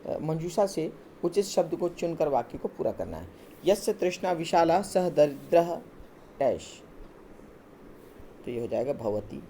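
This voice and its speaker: Slow, mellow-voiced male teacher. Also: on the high side, very animated, slight background noise. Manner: patient, step-by-step explaining, with hesitant pauses. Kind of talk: recorded class lesson explaining textbook exercises.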